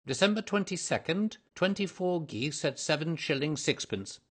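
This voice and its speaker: A man's voice: on the high side, animated, normal speed, husky, voice pushed up. A man voicing a surly, hot-tempered market poultry seller in a storybook, blustering and combative. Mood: triumphant. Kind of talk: audiobook character voice.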